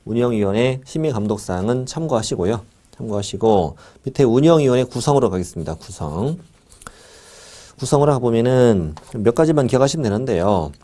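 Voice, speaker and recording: A middle-aged man lectures on exam material in a mellow, warm voice at an ordinary pitch. He drills key points by repeating them and asks the class questions he then answers himself. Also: lively intonation, brisk.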